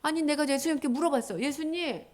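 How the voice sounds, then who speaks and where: A woman junior pastor telling a story in a sermon, in an animated way, acting out the characters' voices. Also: fairly high pitch, moderate pace.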